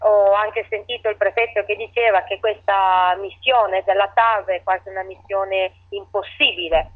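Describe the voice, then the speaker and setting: A woman, a town mayor, answering interview questions over the phone in halting speech that often restarts its phrases. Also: mid-range voice, steady tone. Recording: tinny phone line.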